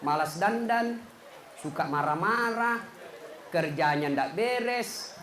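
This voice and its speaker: Joking Makassar preacher in an echoey hall. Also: male voice, high-pitched, expressive, slow pace, a bit bright. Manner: joking, often laughing, playful storytelling. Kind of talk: comedic sermon.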